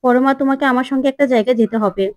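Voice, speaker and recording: A woman voicing a gentle, caring young woman who pleads softly and earnestly. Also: high-pitched, steady tone, racing, dry recording, lightly acted. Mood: pleading. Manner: soft, quiet, earnest pleading.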